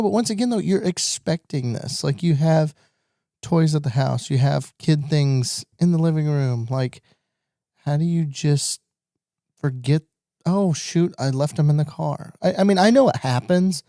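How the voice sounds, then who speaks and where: Animated young man in a dry room. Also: mid-range voice, no echo. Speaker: podcast co-host. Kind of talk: casual chat.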